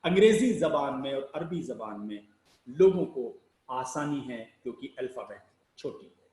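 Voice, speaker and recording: A man teaching public speaking in a slow, deliberate lecture, asking rhetorical questions and spelling out sounds one by one. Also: medium pitch, very animated, darkish tone, echoey room, poor audio. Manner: rhetorical questions, emphatic rises and sinking ends.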